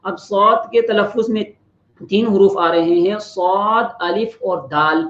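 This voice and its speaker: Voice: medium pitch, fairly bright tone. Teacher drawing out letters in a roomy, dull recording. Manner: patient explaining, drawing out each letter slowly to demonstrate. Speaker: tajweed teacher. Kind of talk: Quran pronunciation lesson.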